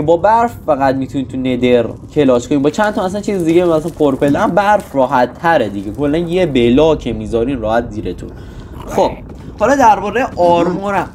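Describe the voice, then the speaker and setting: A young man talks through a game tutorial in a loose, rambling way, full of restarts and little jokes. His voice sits slightly high and jumps around a lot in pitch. A faint hiss sits under the recording. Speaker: gaming tutorial host. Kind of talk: casual gameplay tutorial.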